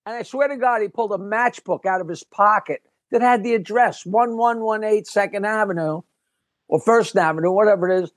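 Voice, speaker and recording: An older male comedian with a fairly high-pitched voice tells stories in a loose, rambling way, laughing and restarting mid-sentence. He is recorded close and dry, with no room sound. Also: fairly quick, no room sound. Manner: lively, rambling storyteller who breaks off and restarts with a laugh. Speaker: guest comedian. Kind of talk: casual storytelling interview.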